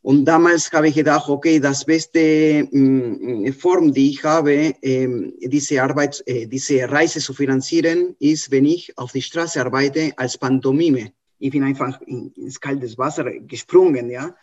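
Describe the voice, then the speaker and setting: A man's voice: mid-range voice, steady tone, measured pace, hardly any pauses, muffled recording. A man in his fifties from Argentina with an Argentine Spanish accent, a street mime giving an interview, earnestly searching for words. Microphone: video call.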